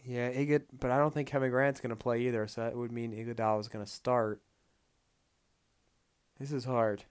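A young man co-hosting a casual sports podcast, his voice sitting at an ordinary middle pitch. He hedges and trails off with fillers, then pushes his point harder once the argument heats up. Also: level tone, moderate pace, clean tone. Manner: hesitant, trailing off, then heated when arguing. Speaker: podcast co-host.

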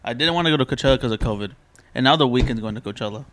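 A man's voice: mid-range voice, very fast, fairly bright tone. A man in easy podcast chat, his voice in a middling register, teasing his friends and cursing often. Faint noise and small clicks sit under the recording. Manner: joking, swears a lot. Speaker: podcast co-host. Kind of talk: casual chat.

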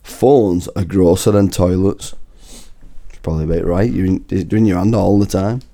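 A man's voice: sits low, normal speed, mellow. A man co-hosting a podcast in crude, casual banter, reading list items aloud and laughing often. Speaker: podcast co-host.

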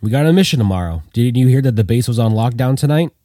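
A man voicing a friendly, confident male bomber crewman giving brisk, matter-of-fact advice. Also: medium pitch, animated, mellow, dry recording, clean studio sound, lightly acted. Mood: easygoing.

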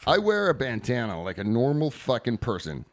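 A man's voice: medium pitch, wildly swooping pitch, normal speed. Profane man telling a rambling story. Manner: profane, rambling, acts out voices in his story. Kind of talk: casual storytelling.

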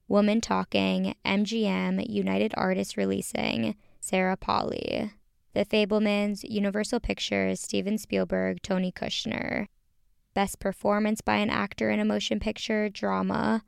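A woman's voice: mid-range voice, creaky, clear, resonant tone, no echo. A young adult woman hosting a casual chatty podcast, recorded inside a small home closet on a close mic. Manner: chatty, upbeat, reads lists quickly. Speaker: podcast host. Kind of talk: casual chat.

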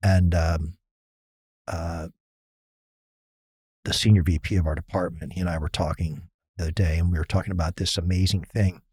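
A man's voice: low voice, steady tone, normal speed, pauses often, a little mellow, breathy edge, no room sound. A middle-aged man telling a long self-mocking story in a casual interview, with many fillers. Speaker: risk consultant guest.

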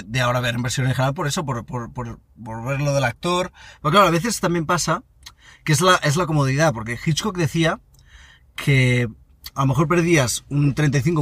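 A man's voice: mid-range voice, a bit bright, no room sound. A man from in a casual podcast chat, talking with many restarts and fillers. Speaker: podcast co-host.

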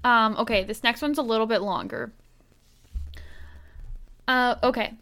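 A woman's voice: on the high side, measured pace, fairly bright tone. A woman co-hosting a casual podcast, reading listener stories aloud and reacting with frequent laughter. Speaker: podcast co-host.

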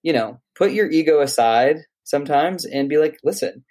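A man's voice: fairly high pitch, lively intonation, moderate pace, a little mellow. A man, a private chef, chatting casually and at length about food with enthusiasm. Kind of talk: casual conversation.

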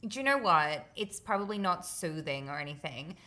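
A woman's voice: lowish voice, expressive, moderate pace, pushed and bright. A woman, co-hosting a podcast in frank, encouraging casual chat. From Australia. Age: 30s. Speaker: podcast co-host.

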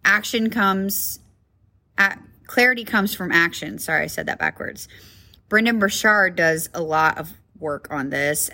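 A woman's voice: medium pitch, pushed and bright. A young adult woman hosting a motivational podcast, talking in a chatty, encouraging way with frequent fillers and restarts. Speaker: podcast host. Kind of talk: casual motivational podcast talk.

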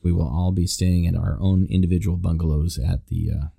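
Deep, gravelly man, animated podcast co-host. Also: brisk. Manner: animated, jokey. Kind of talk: casual chat.

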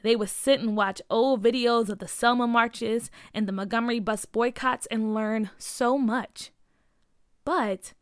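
A woman narrating a children's story in a clear, measured read-aloud manner. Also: on the high side, a bit bright, no echo, studio quality.

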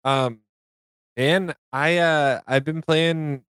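A man's voice: on the high side, steady tone, extremely slow, fairly bright tone, clear, resonant tone, no room sound, studio quality. A man co-hosting a casual podcast chat, talking hesitantly with many fillers.

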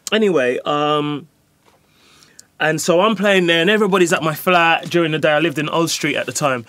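A middle-aged man, a guest telling his story in a lively, casual way and often asking "you know what I mean". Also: fairly high pitch, fairly quick.

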